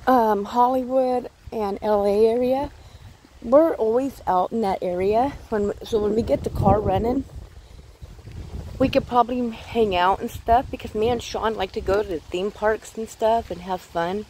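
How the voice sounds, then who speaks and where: Woman, phone-filmed walk in a park, rambling chatty delivery, slow pace, faint outdoor noise behind. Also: a little high, mellow, rough recording. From California. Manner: chatty, rambling, coos at animals. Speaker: vlogger. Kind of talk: casual walking vlog. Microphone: phone held while filming.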